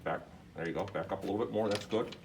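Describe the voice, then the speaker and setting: A man's voice: fairly low pitch, quick pace. A man instructing like an experienced machinist, patiently explaining a hands-on demonstration step by step. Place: workshop beside a lathe. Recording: clear shop background noise.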